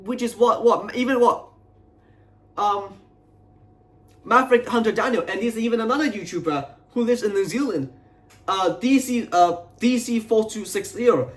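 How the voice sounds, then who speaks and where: A young adult man who makes videos rants to his viewers, frustrated and aggrieved. It's unscripted and rambling, with halts and repetition. His voice is high and fairly bright.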